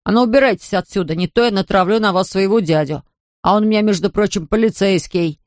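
A surly, rude young boy who drawls his threats, as a woman reading a storybook puts him on. His voice stays in a middle pitch, coarse and slow, recorded close and dry. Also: no room sound, lightly acted.

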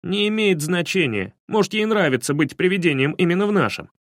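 A man's voice: high voice, expressive, brisk, fairly bright tone, no room sound, studio quality, voice pushed up. A man voicing a bold, skeptical young man who gives orders scornfully. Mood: bossy. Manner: commanding, scornful.

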